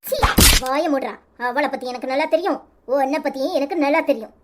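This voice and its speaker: A woman's voice: high-pitched, brisk, heavy background noise, lightly acted. A woman voicing a fierce, protective village woman in a cartoon, with a Tirunelveli Tamil accent and a harsh, berating manner. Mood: furious. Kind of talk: cartoon voice acting.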